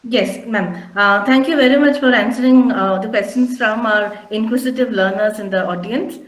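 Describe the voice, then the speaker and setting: A woman's voice: on the high side, normal speed. A woman moderating a webinar Q&A in a polite, formal way over a video call. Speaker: question-and-answer moderator. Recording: echoey room.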